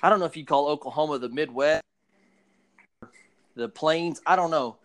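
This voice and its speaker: A man's voice: a little high, normal speed. A man hosting a casual interview, asking loose questions padded with fillers. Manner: relaxed, filler-heavy questions. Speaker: host.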